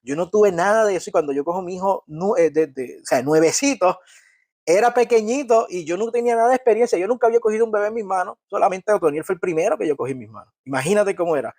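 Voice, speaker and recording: Man, middle-aged, church family talk, higher voice, dry sound, earnest, restarts words. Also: fast talker, darkish tone, dry recording. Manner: earnest, repeats and restarts words, asks "¿ves?". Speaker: church family-life speaker. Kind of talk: conversational church teaching.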